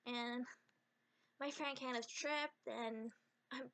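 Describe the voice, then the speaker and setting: A woman voicing her tabletop game character, a polite adventurer calming frightened servants in a soothing, courteous manner. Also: fairly high pitch, slow pace, noisy background. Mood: apologetic, soothing.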